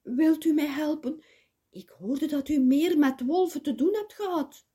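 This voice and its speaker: A woman voicing a frightened little male pig in a storybook reading, high and loud, pleading and jittery. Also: measured pace.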